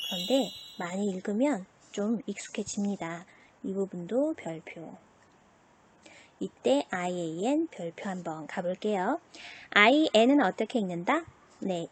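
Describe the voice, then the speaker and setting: A woman's voice: medium pitch, slightly rough. A woman teaching a recorded online class, asking her students questions, answering them herself and sounding out syllables in drills. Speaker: Chinese teacher.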